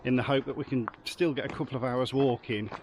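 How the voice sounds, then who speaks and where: A chatty man hosts a casual travel vlog, narrating to the camera in an easygoing, jokey way. His voice sits at an ordinary middle pitch. He is recorded outdoors, with steady background noise clearly audible. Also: quick pace. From England. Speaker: vlog host. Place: outdoors at a campsite and on walks.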